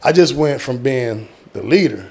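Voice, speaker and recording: Man, middle-aged, mid-pitched voice, casual storyteller, animated delivery, emphatic repetition. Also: moderate pace, creaky. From small-town Texas, United States. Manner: animated retelling, acting out quotes, repeating words for emphasis. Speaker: guest, military veteran.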